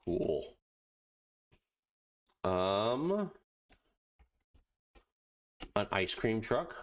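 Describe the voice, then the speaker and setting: A man giving casual let's play commentary, muttering halting asides to himself and reading on-screen text aloud. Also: fairly low pitch, very animated. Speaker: gaming video host.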